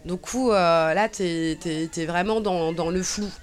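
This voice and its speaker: Speaking at a measured pace in a low voice, a woman in her thirties from Cabinda, Angola, offers personal testimony as an interview guest. She reflects aloud hesitantly, full of fillers and restarts.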